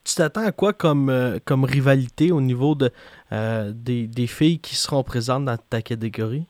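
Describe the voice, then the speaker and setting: A man's voice: medium pitch, moderate pace, a little mellow, no room sound. A man with a Québécois accent hosting a casual boxing podcast, chatting with fillers and hesitations. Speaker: podcast host.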